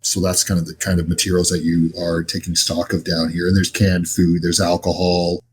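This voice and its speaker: As game master of a tabletop horror roleplaying game, a man narrates scenes in a conversational, improvised style. His low voice keeps a level tone at normal speed, with music playing behind it.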